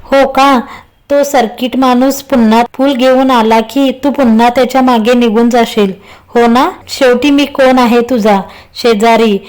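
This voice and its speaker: A woman's voice: a little high, fairly even intonation, measured pace, darkish tone, natural voice. A woman voicing Abhay, a teasing young man. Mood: annoyed. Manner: teasing and playful.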